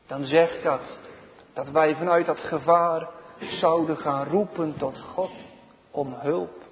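A man preaching a sermon, slow and emphatic, his voice swelling loud and then dropping to a hush. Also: a little high, fairly even intonation, slight background noise. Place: church. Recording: dull reverberant church recording.

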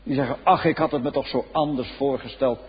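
A man preaching a solemn sermon, swinging between loud exclamations and hushed, low passages. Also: fairly even intonation, a little fast, breathy edge. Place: church. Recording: dull lo-fi recording in a reverberant church.

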